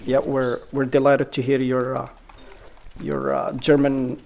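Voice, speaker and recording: A man streaming a game live and talking with teammates, his voice gravelly with fry. He stumbles and repeats words as he talks, over faint background hiss. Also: mid-range voice, completely flat delivery, unhurried, a little mellow. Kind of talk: casual live-stream chat.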